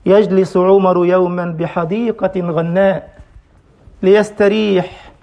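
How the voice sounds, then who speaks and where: Impassioned high-voiced preacher. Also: male voice, little pitch movement, unhurried, lo-fi sound. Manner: impassioned, rising to cries at refrains. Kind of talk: sermon storytelling.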